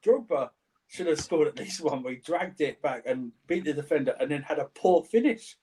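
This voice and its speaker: Animated football podcast guy, laughs a lot, keeps repeating himself. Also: on the high side, moderate pace, slightly rough. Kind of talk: casual football chat.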